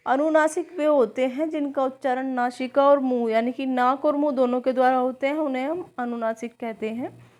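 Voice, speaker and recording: A woman's voice: high-pitched, steady tone, moderate pace, a little mellow. A woman teaching a grammar lesson for exam preparation, reciting letters one by one and explaining them patiently.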